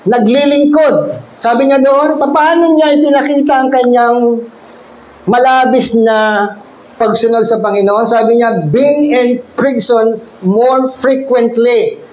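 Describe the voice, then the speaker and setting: A man preaching as pastor, reading verses slowly, then explaining them with playful jokes. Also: extremely high pitch, darkish tone, reverberant, slight background noise, rough recording. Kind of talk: bilingual sermon. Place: church sanctuary.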